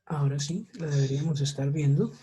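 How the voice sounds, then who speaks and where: This woman's voice is low, husky, and warm, and she talks fairly quickly. She's leading an online English class by video call, staying patient and asking her students again and again whether they follow.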